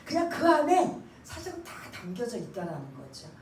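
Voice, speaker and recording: A woman pastor giving a sermon. She asks the congregation questions and waits for their answers, and drops to a hushed voice when she acts out a prayer. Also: fairly high pitch, huge pitch swings, moderate pace, slight background noise. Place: church sanctuary. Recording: echoey church room, mic at a distance.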